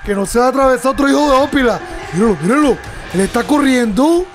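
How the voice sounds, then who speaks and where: A young man giving excitable let's-play commentary to his audience, laughing often and yelping at scares. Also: very high voice, fast, slight background noise. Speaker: gaming YouTuber.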